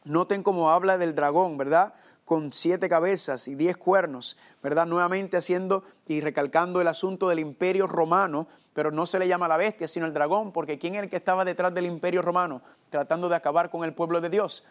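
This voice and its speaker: A man's voice: fairly high pitch, steady tone, fairly quick. A man preaching a Bible study sermon, calling his listeners family and tossing in rhetorical questions.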